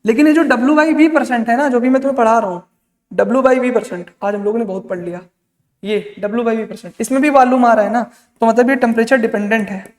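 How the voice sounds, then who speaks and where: It's a male chemistry teacher running an exam-prep lecture, his voice very high-pitched and his pace quick. He refers to the students as "beta," blends English terms into what he says, and answers the questions he raises. Sound bounces around an echoey room with long reverb.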